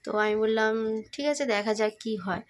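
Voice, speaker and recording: A woman's voice: fairly high pitch, a little fast. A young woman with a Bengali accent, vlogging in a casual, chatty way to her viewers on a phone camera. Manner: chatty, addresses viewers as friends. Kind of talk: casual vlog chat.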